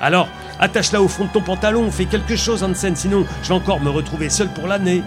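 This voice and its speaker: A man doing a rough Arctic trapper who talks crude and slangy, drawling his words, easygoing and crafty. The voice sits at an ordinary middle pitch for a man, with soft music faintly underneath the storybook reading. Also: a little fast, close to an everyday voice. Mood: yelling.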